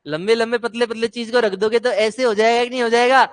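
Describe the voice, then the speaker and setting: Animated high-voiced male teacher. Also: fast, clear, resonant tone. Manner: animated, coaxing students to chant answers. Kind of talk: classroom lecture with call-and-response.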